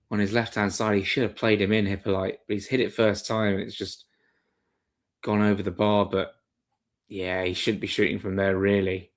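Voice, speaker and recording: A man hosting a live football watchalong, giving chatty, rambling play-by-play with asides to his viewers. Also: fairly low pitch. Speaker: watchalong host. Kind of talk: live match commentary and chat.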